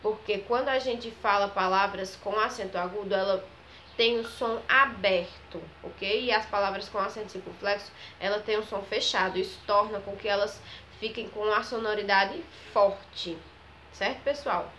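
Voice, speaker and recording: A woman, teaching a children's grammar lesson. She talks slowly, stretches out each example word, and keeps checking in with the class. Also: mid-range voice, steady tone, fairly bright tone, slight background noise. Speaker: primary school teacher.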